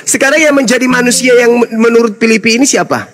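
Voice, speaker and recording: A man's voice: very high-pitched, fast talker, fairly bright tone. A man, an Islamic preacher, in a heated interfaith debate, lecturing insistently and talking over the other man.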